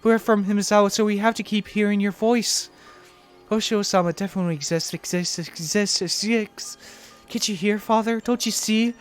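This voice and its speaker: A man voices a teenage girl losing her grip on reality under a curse, pitched a touch high. She talks in a frantic, pleading loop and keeps saying the same words over and over. The whole thing plays as a dramatic visual novel reading. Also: fairly even intonation, normal speed, clean tone, faint music behind, natural voice. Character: teenage girl unraveling into curse-driven madness. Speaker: let's play reader voicing all parts.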